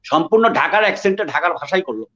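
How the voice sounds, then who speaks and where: Man, Dhaka Bengali accent, interview, discursive with fillers, high-pitched, slightly muffled recording. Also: animated, racing, a bit bright. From Bangladesh. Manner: discursive, searching for words with many fillers. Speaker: interviewee, writer. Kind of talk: reflective interview talk.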